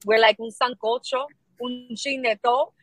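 A middle-aged woman comedian from New York, chatting in an interview, upbeat and lively, dropping Spanish phrases now and then. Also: a little high, moderate pace, dry recording, rough recording. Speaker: guest, comedian and producer. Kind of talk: casual interview chat.

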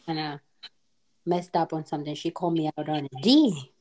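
Lower-voiced woman, giggly and rambling. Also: level tone, fairly quick, mellow. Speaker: podcast co-host. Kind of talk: casual chat.

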